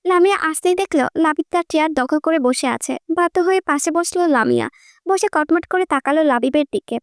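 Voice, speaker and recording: A woman narrating a romantic audiobook story in a lively storytelling manner, close to the mic. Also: high-pitched, a little fast, dry recording. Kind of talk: scripted narration.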